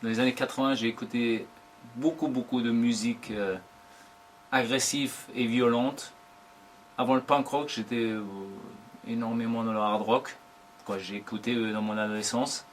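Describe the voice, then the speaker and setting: A man in his forties, a professional drummer, giving unhurried, thoughtful interview answers in short broken phrases. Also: mid-range voice, level tone, a little hiss or hum. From Germany.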